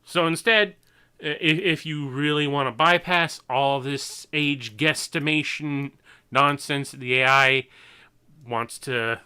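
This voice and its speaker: A young man talks through his opinions off the cuff in a clear, smooth voice that sits a little high. He is earnest and exasperated, and his delivery is halting, with repeated words and stammered restarts. The pace is slow and deliberate. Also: bright, forceful tone. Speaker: online animator and creator. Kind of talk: unscripted opinion vlog.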